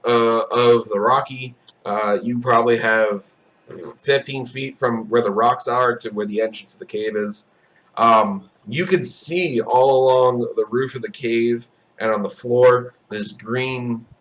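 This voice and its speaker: A man leads a tabletop game as dungeon master. His voice sits at an ordinary pitch, and he talks loosely, stalling on ums and uhs as he narrates the scene. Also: a bit bright.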